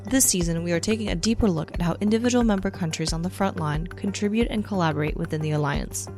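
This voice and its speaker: A woman's voice: lowish voice, fast, darkish tone, faint music behind. Polished woman podcast host. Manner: polished and formal, then conversational. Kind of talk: scripted intro and interview questions.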